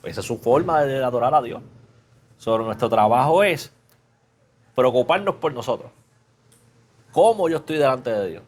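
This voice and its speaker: A man preaching in a relaxed, conversational way, teaching a Bible class and often asking the listeners questions. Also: mid-range voice, normal speed, pauses often. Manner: casual, chatty, asks the class questions; mixes English fillers into Spanish.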